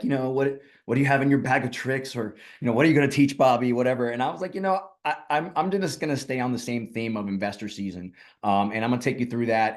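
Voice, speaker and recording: A man from Puerto Rico giving a rallying, conversational presentation on a video call as a guest speaker, with many fillers. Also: mid-range voice. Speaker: guest speaker, real estate team leader. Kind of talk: energetic motivational presentation.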